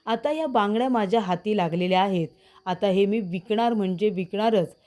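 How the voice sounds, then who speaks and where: A woman voicing a greedy, scheming young man who talks smoothly to get his way. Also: mid-range voice, normal speed, darkish tone, lightly acted. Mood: sly, defiant. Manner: smooth, sly.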